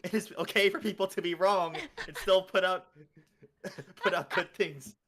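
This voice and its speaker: Chill north american guest on a podcast, mid-pitched, jokey and self-deprecating. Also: fairly even intonation, normal speed, a bit bright, a little hiss or hum. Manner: laid-back, self-deprecating, mock-serious. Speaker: guest, VTuber agency manager. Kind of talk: casual podcast chat.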